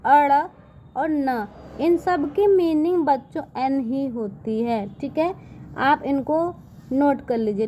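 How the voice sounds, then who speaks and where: High-voiced Hindi teacher woman. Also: mellow, slight background noise. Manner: repeats "ठीक है" and quizzes the viewers. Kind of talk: classroom lesson for children.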